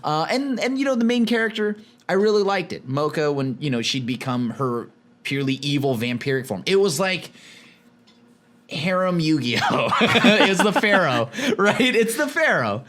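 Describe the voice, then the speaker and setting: A man from California co-hosting a podcast in casual chat, animated and laughing often, with many restarts. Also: high-pitched, moderate pace, slight background noise. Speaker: podcast co-host.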